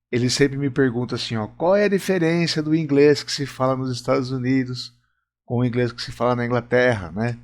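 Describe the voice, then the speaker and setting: A Brazilian man teaching English in a video lesson at a whiteboard, explaining step by step and often checking in with viewers. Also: mid-range voice. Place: room with a whiteboard.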